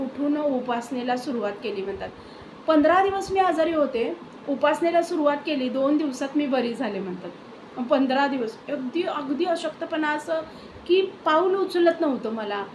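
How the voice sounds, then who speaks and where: A woman casually retelling a devotee's spiritual experience, with hesitant pauses and fillers. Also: high voice, expressive, darkish tone. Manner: hesitant, many fillers and restarts. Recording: roomy echo with faint background hiss.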